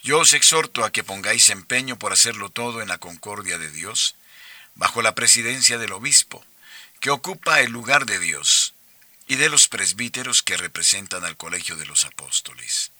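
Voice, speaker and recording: Low-voiced man reading Scripture solemnly. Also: lively intonation, normal speed, bright, forceful tone, no echo. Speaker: liturgical reader. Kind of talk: reading Scripture aloud for the Liturgy of the Hours.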